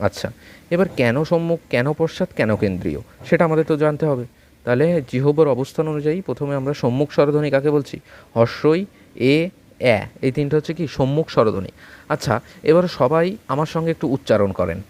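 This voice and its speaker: A man teaching an online phonetics lesson from home with a Bengali accent, speaking slowly and patiently and repeating vowel sounds for learners to copy. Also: on the high side, darkish tone. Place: home during a storm.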